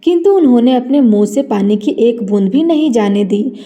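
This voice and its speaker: Woman telling a devotional story, steady and earnest, bit high pitched. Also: moderate pace.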